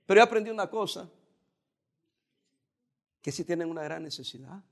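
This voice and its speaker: A male pastor preaching a sermon in a calm, conversational way, with occasional emphatic rises. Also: a little high, moderate pace.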